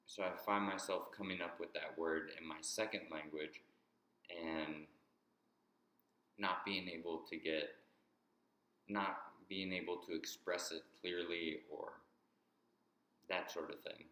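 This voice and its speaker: In an echoing room, a deep-voiced native English speaker delivers an explanatory monologue, halting and repeating himself as he restarts. His tone is bright and forceful, with fairly even intonation despite the low pitch.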